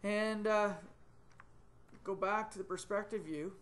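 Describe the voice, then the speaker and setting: A middle-aged man teaching software demonstrates a 3D modeling task in a screen recording, his fairly high voice bright-ish with fairly even intonation. He reasons aloud, says um in the gaps and corrects himself on the fly; a desktop mic picks him up in a small room, and his webcam sits in a corner of the screen.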